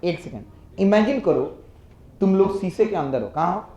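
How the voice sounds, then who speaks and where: A man's voice: sits high, animated, normal speed, dark tone. A man teaching physics in a classroom, coaxing students with repeated questions. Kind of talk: classroom lecture. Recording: echoey room, dull lo-fi sound.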